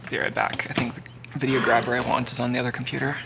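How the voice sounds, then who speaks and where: A man's voice: mid-range voice, flat delivery, rapid-fire, gravelly, noisy background. A man live-streaming an electronics kit build from his home workshop, chatting casually and thinking aloud with fillers and self-corrections.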